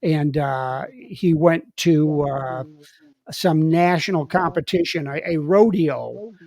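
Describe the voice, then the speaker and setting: A man co-hosting a podcast, speaking in a hesitant, halting way. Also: fairly high pitch, darkish tone. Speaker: podcast co-host. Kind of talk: casual conversation.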